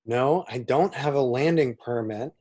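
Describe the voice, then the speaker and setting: A man playing a cocky, evasive starship pirate with a husky voice and offhand, clipped lines in a script read. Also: mid-range voice, unhurried, warm tone, close to an everyday voice. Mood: defensive, evasive. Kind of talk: dramatic table read of a film script.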